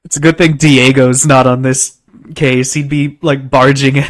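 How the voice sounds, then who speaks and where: A man's voice: medium pitch, level tone, normal speed. A man giving casual, joking commentary while playing through a game, laughing often. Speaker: game streamer. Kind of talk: casual let's play commentary.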